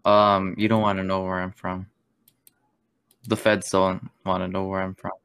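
A man in his twenties from Spain, chatting casually among friends, loose and quick to swear and laugh. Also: low-pitched, flat delivery, a bit bright, smooth, no room sound. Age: 20s. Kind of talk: casual chat.

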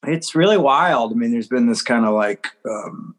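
Man, 40s, podcast guest, medium pitch, rambling casual talk, many fillers. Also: animated, normal speed, rough recording. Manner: rambling, many fillers, self-deprecating laughs. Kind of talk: casual interview chat.

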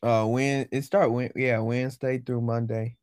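A man's voice: mid-range voice, little pitch movement, normal speed, a little mellow, no room sound, clean studio sound. A young man with a lisp, co-hosting a casual podcast chat in a laid-back, joking way. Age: young adult. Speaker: podcast co-host.

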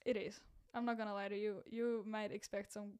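A woman hosting her first casual solo podcast, rambling and self-deprecating, with a rough voice that cracks and frequent laughs at her own jokes. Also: medium pitch, level tone, fairly quick, a little mellow. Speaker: podcast host and content creator.

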